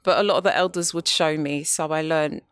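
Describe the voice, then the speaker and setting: Low-voiced woman explaining. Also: steady tone, brisk, clear, resonant tone, no echo. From North London, UK. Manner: explanatory, many ums. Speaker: guest, skincare business founder. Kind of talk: casual interview.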